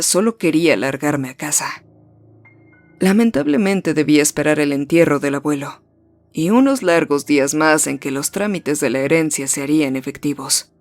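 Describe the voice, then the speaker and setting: Hushed horror storyteller over soft music. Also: mid-range voice, dry recording. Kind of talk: scripted first-person horror narration.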